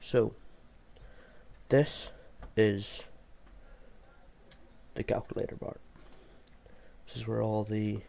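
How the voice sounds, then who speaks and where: Sick sounding guy, low n croaky, kinda unsure walking thru his game build, bit of noise and clicking. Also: little pitch movement, slow, pauses often, warm tone. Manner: hesitant, thinking aloud as he explains. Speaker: video creator explaining a game build. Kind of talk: informal tutorial commentary over gameplay. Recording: clear background noise, mouse and keyboard clicks.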